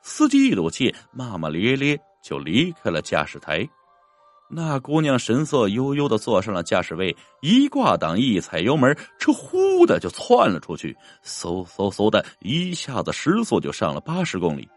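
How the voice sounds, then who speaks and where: A man narrating a dramatic story in an expressive, theatrical manner. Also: moderate pace, no room sound, faint music behind. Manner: expressive, swinging pitch.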